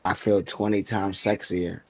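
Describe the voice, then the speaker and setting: A man's voice: deep voice, level tone, unhurried, breathy edge. Laid-back new guy streaming. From New York City. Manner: laid-back, joking, greets chat loudly. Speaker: streamer guest. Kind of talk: casual chat on a live stream. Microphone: close to the mic.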